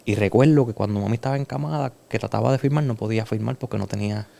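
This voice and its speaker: Puerto Rican man, low gravelly voice, earnest emotional testimony, guest on a talk podcast. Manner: earnest, emotional storytelling, soft and slow in heavy moments. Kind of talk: personal testimony in a conversation.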